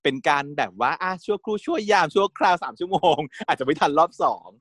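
A series recap host with a high, expressive, slightly bright voice casually retells a TV episode at a quick pace, recorded dry. He's chatty, giggles often and acts out the characters' lines as he tells the story.

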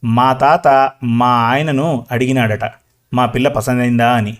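Man playing talkative old village granny, slow and rambling, storybook. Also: medium pitch, fairly even intonation, close to an everyday voice. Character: chatty old village grandmother, talkative and proud. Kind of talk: storybook reading.

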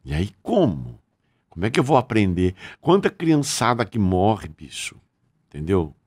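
A man's voice: fairly low pitch, wildly swooping pitch, unhurried, a little mellow, breathy edge. An older man, an actor, chatting as a podcast guest in a frank, bawdy way. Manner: frank and bawdy, says "bicho" a lot. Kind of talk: candid podcast chat.

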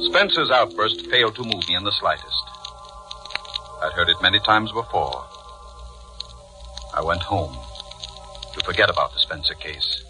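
An actor playing a stern, pompous judge who also narrates, in 1940s radio acting. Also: male voice, low voice, animated, normal speed, long pauses, over music, poor audio. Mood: brooding. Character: stern, pompous middle-aged male judge.

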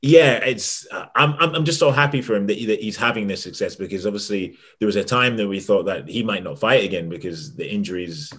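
A young man with a lowish voice chats on a podcast about fighters. He talks excitably and keeps tripping over repeated words as his enthusiasm runs ahead of him. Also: a little fast, hardly any pauses, husky. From England. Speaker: MMA journalist and podcast panelist. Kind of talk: casual podcast chat.

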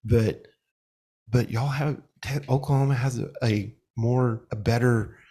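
A man's voice: mid-range voice, steady tone, unhurried, mellow. A man from Texas with a Texan accent, chatting as a podcast guest in a rambling, self-deprecating way with many fillers. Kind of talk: casual chat.

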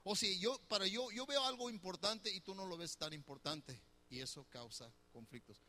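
A middle-aged pastor with a high-pitched, sharp voice preaches a conversational sermon on marriage at a normal speed, teasing his listeners and asking them questions. A little hiss or hum is audible.

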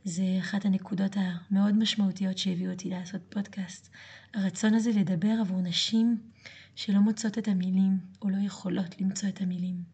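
A woman from France with a French accent and a slightly hoarse voice, speaking earnestly in a reflective, intimate podcast monologue as the host. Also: mid-range voice, fairly even intonation, dark tone, lo-fi sound.

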